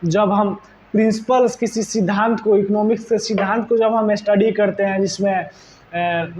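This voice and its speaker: A male teacher with a Bihari Hindi accent lectures a live class in a high, bright voice, explaining terms step by step and asking "right?" often. The recording is a bit dull and lo-fi, with a faint hiss behind the voice. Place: classroom with students present.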